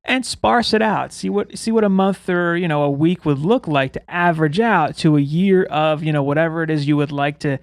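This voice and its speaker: A man's voice: a little high, moderate pace, hardly any pauses, no room sound, clean studio sound. A man hosting a podcast in casual, chatty style, with whistling S sounds when he speaks. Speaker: podcast host.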